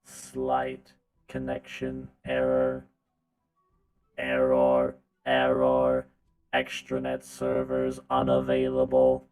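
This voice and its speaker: A man's voice: extremely low pitch, a little mellow, full character voice, rough recording. A man playing a glitching robot drone. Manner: glitching robot, stuck repeating "error". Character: malfunctioning robot drone, monotone, repeating errors. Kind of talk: tabletop game voice acting.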